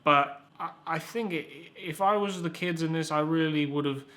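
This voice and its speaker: Young guy ranting about cringe videos, kinda high voice, lots of stumbles and swearing. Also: normal speed, a bit bright. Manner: rambling and sarcastic, with stammered restarts and swearing. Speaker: YouTube reviewer, host. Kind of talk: casual comedic video commentary.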